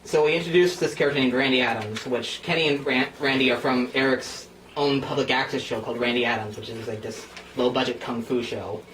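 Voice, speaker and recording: In an echoey room with a distant mic and background noise, a man in his twenties hosts a casual, giggly group chat, presenting old scripts he wrote. He rambles and mocks himself while explaining his writing, speaking in a mid-range, slightly fast, somewhat bright voice.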